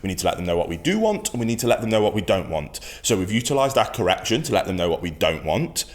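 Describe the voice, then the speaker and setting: A man's voice: lowish voice, big pitch swings, quick pace. Firm, emphatic male dog trainer. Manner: firm, emphatic, repeats key points. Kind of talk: instructional talk to camera.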